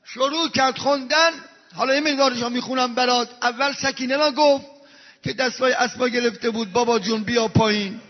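A male preacher telling a religious story in a sermon, moving from hushed, low passages to loud, chanted lines. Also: steady tone. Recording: dull recording in a reverberant hall.

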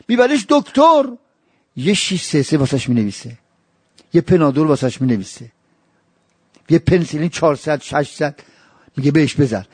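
A male preacher delivering a sermon, telling stories with dramatic swings from quiet murmurs to raised exclamations and chanting scripture quotes. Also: high voice, husky, no echo.

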